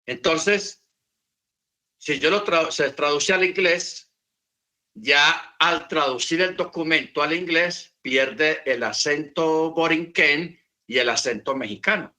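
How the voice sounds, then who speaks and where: A man's voice: a little high, slow, bright, forceful tone. A man teaching about the Bible in an unscripted talk, repeating his points and asking rhetorical questions.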